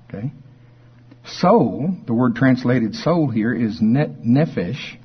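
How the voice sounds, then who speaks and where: This is a folksy male preacher with a husky, mid-range voice, teaching a Bible study live before his congregation. He talks informally and conversationally, putting deliberate emphasis on the verses he reads aloud, and the sound is slightly muffled.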